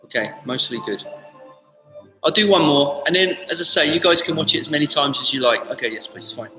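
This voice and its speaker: A man's voice: fairly high pitch, lively intonation, brisk, pushed and bright. A man instructing a live online tai chi class, reassuring and informal, often repeating his words. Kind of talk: live online movement class, step-by-step instruction and casual chat. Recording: echoey reverberant room, faint music.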